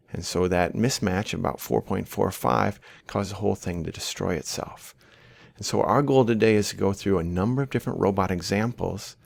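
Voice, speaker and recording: This low-pitched, creaky male voice comes from a university lecturer explaining worked examples. He talks into a big desk mic held near his mouth, indoors in a cramped office lined with books, and there's no echo at all.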